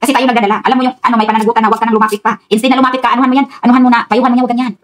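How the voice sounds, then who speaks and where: A woman's voice: on the high side, flat delivery, racing. A middle-aged Filipino woman chatting to viewers in a rambling home cooking vlog. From Philippines. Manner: rambling, talks straight to viewers, frequent laughs. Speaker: vlogger. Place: home kitchen.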